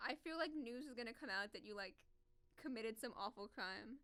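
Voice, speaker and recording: A young woman guesting on a casual interview podcast, teasing and deadpan. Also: a little high, clean tone. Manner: teasing, deadpan and quick-witted.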